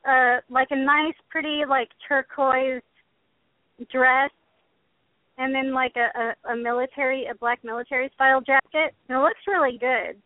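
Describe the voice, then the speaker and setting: A woman's voice: high voice, steady tone, moderate pace, no echo. A woman in her thirties, co-hosting a casual chat, talking in a rambling way with restarts. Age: 30s. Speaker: podcast co-host. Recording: tinny phone-like line.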